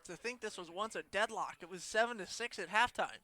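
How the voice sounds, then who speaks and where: A young man giving play-by-play commentary on a high school football game, rising to excited calls on big plays. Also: a little fast. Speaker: play-by-play announcer.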